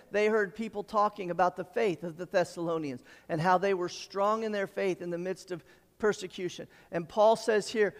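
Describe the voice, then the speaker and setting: A man's voice: high voice, in a large hall. A man preaching a sermon, explaining scripture in an earnest way with light asides. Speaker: pastor.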